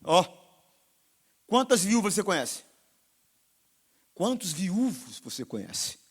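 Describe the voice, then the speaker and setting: A man with a Brazilian Portuguese accent preaching a sermon as pastor, swinging between loud exhortation and quiet, confiding asides. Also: sits high, very animated, takes it slowly, breathy edge.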